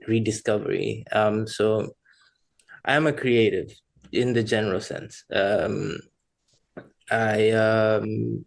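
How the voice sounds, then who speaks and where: Appearing as a podcast guest, a Rwandan freelance creative talks in a casual, personal way, frank about himself and quick to poke fun at his own expense. His voice is lowish and gravelly.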